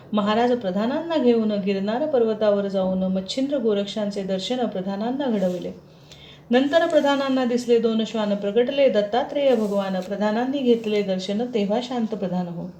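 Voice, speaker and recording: Woman, devotional verse recitation, steady chanting lines, fairly high voice, mellow tone. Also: roomy sound, a little hiss or hum.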